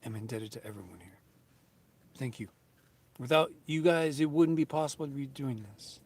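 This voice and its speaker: A mid-pitched man in his fifties hosts his own vlog. He speaks earnestly and gratefully, rambling through his thoughts with plenty of fillers and restarts. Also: moderate pace, a little mellow. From United States. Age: 50s. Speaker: YouTube channel host. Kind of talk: casual vlog talk to viewers.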